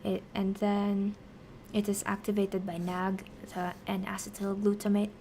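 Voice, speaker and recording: A woman streams a casual biochemistry study session, posing science questions and answering them while half talking to herself as she works them out. Her mid-range voice is warm but completely flat in delivery, and she speaks unhurriedly. A little hiss or hum sits under the audio.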